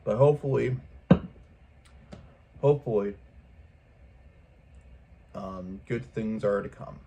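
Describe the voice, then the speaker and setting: Speaking slowly in a fairly low, dark and slightly rough voice, a man gives his vlog viewers an unscripted pep talk. He rambles earnestly and repeats himself to drive his points home.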